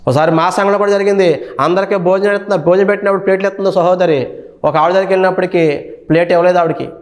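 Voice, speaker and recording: A man preaching as a pastor, building lists of repeated phrases and acting out quick snatches of his listeners' complaints. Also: high-pitched, fairly even intonation. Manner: rhythmic repeated phrases, mimics congregants. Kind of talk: sermon.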